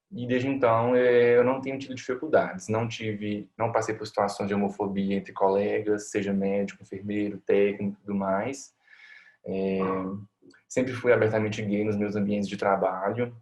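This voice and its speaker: A man's voice: lowish voice, darkish tone. A Brazilian man, a family doctor, answering interview questions in a reflective, conversational way, often ending thoughts with tag questions. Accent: Brazilian Portuguese.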